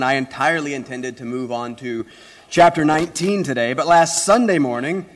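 A man with a hoarse, raspy voice strained by illness, preaching as a pastor with deliberate, emphatic phrasing and rhetorical questions. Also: medium pitch. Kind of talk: sermon.

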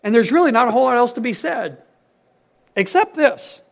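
A man preaching a sermon, stressing key words loudly and dropping to hushed phrases, asking his congregation questions. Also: very high voice, lively intonation, a little fast, creaky. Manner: emphatic, swings between loud stresses and hushed phrases.

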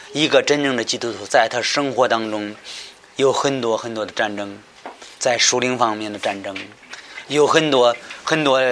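A man's voice: medium pitch, sharp tone, a little hiss or hum. A man teaching a Bible study lecture, talking hesitantly with many fillers and repeated words, often asking his listeners questions.

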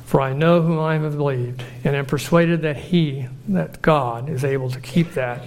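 A man preaching a sermon in an earnest, measured way, slowing down for emphatic lists. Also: a little high, darkish tone, a little hiss or hum.

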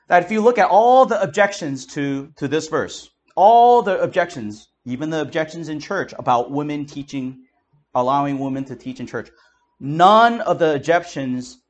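A man preaching, explaining Scripture verse by verse in an emphatic, conversational way. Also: a little high. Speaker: pastor. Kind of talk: expository Bible teaching.

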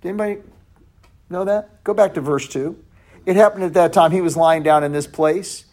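A man's voice: fairly high pitch, moderate pace. Conversational man teaching a Bible study. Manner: conversational, with restarts and self-corrections, drops to a near hush at times.

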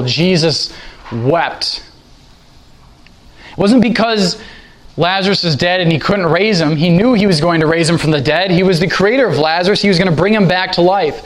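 A man preaching a sermon, reading scripture slowly and deliberately with earnest emphasis. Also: a little high, rough recording.

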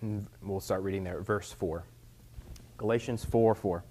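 A fairly low-voiced man preaches into a pulpit microphone in a church sanctuary. He speaks earnestly and conversationally, often restarting his phrases with small ums as he works through his sermon. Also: fairly even intonation, normal speed, warm tone. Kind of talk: sermon with scripture reading and prayer.

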